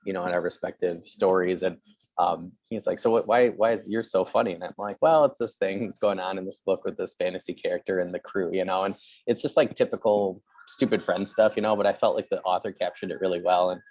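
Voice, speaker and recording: A man's voice: deep voice, steady tone, fairly quick, a little mellow, dry recording. A man hosting a podcast, talking eagerly in a casual chat with lots of "yeah" and "you know". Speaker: podcast host.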